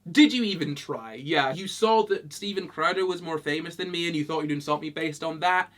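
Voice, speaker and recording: A young Scottish YouTuber from Britain reads out hate comments and reacts in a dry, amused, casual way, laughing often. His voice is on the high side and fairly bright, and he talks briskly.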